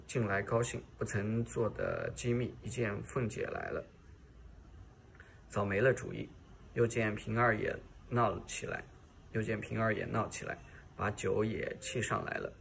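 Male audiobook narrator, low and gravelly, steady reading with small restarts. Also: measured pace, slight background noise. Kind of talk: reading a classic novel aloud.

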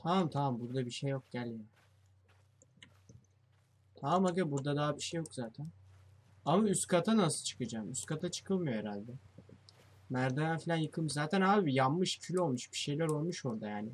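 A man's voice: fairly high pitch, expressive, fairly quick, pauses often. A young man giving let's play commentary on a horror game, jumpy and swearing as he thinks aloud to his viewers. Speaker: gamer playing a horror game.

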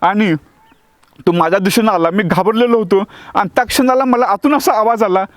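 A man with a notably high voice tells a personal story, acting out the dialogue and often breaking off to restart a phrase. The sound is close and dry, with no room around it. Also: a little fast, no room sound. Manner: vivid, re-enacts dialogue with frequent restarts. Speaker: acting teacher recounting a devotional experience.

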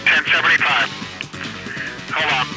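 Patrol cop yelling updates on the police radio, bit high pitched, loud music under. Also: male voice, unhurried. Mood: urgent. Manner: urgent, terse radio reports. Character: male patrol cop chasing a truck. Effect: police radio transmission. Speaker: police officer in pursuit. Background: loud game music.

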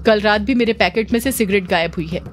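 A woman's voice: medium pitch, fast talker, soft background music, close to an everyday voice. A woman doing Abhimanyu, a teasing young man. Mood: probing. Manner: teasing, probing questions.

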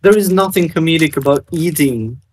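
A man's voice: fairly high pitch, moderate pace, slight background noise. A man making dry, teasing remarks to friends on voice chat during an online game. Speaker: gamer. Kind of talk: casual gaming chat.

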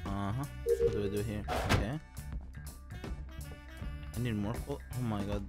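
A man's voice: lowish voice, fairly even intonation, moderate pace. A man talking casually over online game voice chat, muttering to himself as he plays. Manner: mutters to himself while playing. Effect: heard over online game voice chat. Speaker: gamer. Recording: background game music.

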